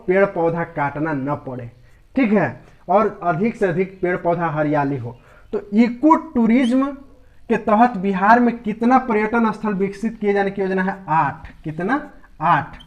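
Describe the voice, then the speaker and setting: A man's voice: sits high, lo-fi sound. A man with a Bihari Hindi accent teaching a casual exam-prep lesson, quizzing the viewer, answering his own questions and joking in between.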